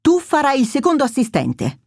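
A woman's voice: high voice, huge pitch swings, moderate pace, a little mellow, no echo, voice pushed up, full character voice. Woman voicing a decisive lady surgeon, curt commands, dry close sound. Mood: urgent. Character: commanding female trauma surgeon under pressure.

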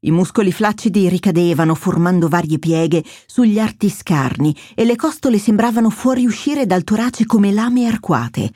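A woman narrating a medical thriller in a measured, steady storytelling voice, close to the mic. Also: mid-range voice, no room sound. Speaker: audiobook narrator. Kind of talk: scripted narration.

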